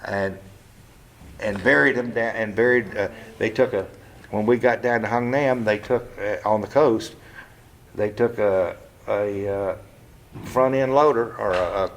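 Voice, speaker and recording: Man in his seventies, low voice, plain-spoken, blunt, halting with restarts, home interview, faint background hiss. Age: 70s. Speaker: veteran being interviewed. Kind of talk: casual oral-history interview. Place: living room of his home.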